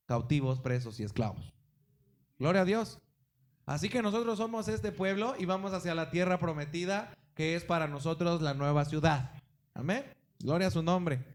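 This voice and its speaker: A man preaching a Sunday sermon in a church service, emphatic, with swings in volume and frequent exclamations to the congregation. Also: on the high side. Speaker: pastor.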